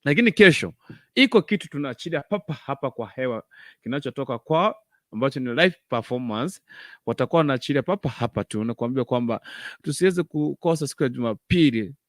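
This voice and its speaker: A man's voice: mid-range voice, animated, quick pace, dry recording, clean studio sound. A man with a Kenyan accent hosting an informal live online gospel show, repeating phrases and switching between English and Swahili as he addresses viewers.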